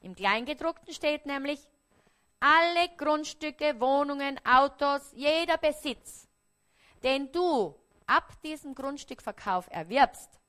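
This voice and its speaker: A woman with an Austrian accent, preaching a parable on stage before an audience, often dropping to a hushed, quiet voice. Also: sits high. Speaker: stage speaker.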